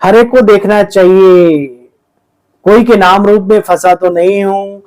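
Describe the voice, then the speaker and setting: A man giving a lively spiritual sermon, exhorting his listeners and often calling them sweet children. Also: high voice, measured pace, poor audio. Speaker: spiritual teacher explaining the daily murli.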